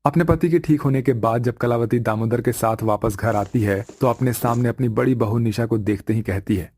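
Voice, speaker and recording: A man narrating a scripted cartoon story in a steady, even way. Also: mid-range voice, moderate pace.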